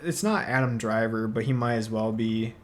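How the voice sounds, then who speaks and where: A man co-hosting a podcast, chatting casually about movies, relaxed and quick to laugh. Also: on the low side. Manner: relaxed, laughs often, lots of fillers. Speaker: podcast co-host. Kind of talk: casual movie review chat.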